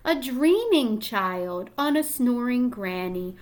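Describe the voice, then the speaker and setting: A teacher reads a picture book aloud to young children in a fairly high voice, very slowly and deliberately. Her phrasing is expressive, and she asks simple questions to engage her listeners.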